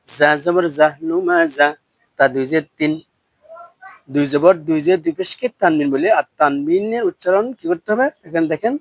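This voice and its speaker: Man, Quran recitation teacher, high voice, spells syllables, slow drawn-out chanting, brisk asides, dry close sound. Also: no echo. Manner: brisk explanations between recitations, asks learners to repeat and comment.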